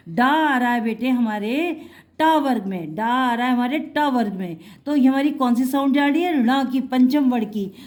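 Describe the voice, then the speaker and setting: High-voiced woman teaching Hindi letters. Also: a little mellow. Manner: patient, repeats words slowly and asks quick check questions. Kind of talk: video lesson for children.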